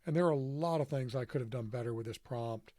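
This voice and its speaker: A man hosting a casual tutorial, walking through software on screen while thinking aloud in a self-deprecating, offhand way. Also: mid-range voice, fast, no room sound, studio quality. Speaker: podcast host demonstrating software. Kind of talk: screen-recorded tutorial walkthrough.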